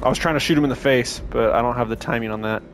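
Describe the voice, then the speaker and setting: A young man commentating as he plays a horror game, swearing often, talking to the game's characters and getting excitable when things go wrong. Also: medium pitch, rapid-fire, a little hiss or hum. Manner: profane, excitable, talks to the game. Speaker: gaming channel host.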